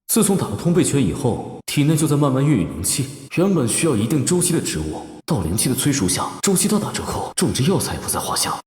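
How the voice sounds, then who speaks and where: An actor playing a calm, self-assured young village doctor hero. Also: male voice, medium pitch, fast, hardly any pauses, breathy edge.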